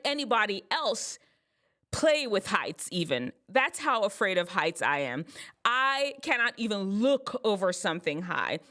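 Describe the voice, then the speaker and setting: Woman host, casual storyteller with a lively, up-and-down voice, gives teens advice. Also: mid-range voice. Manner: animated, expressive storytelling.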